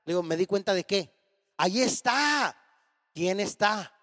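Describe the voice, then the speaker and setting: A man in his thirties, a pastor telling a personal story in a sermon and acting out the dialogue with lively energy. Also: high voice, a little slow. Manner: animated, acts out dialogue in the story. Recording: hall reverb.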